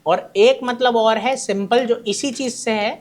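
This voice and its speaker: A man's voice: very high voice, steady tone, unhurried. Man teaching, quizzing his students. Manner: quizzes students with repeated questions and answers them himself; addresses students fondly as children. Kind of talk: classroom lecture.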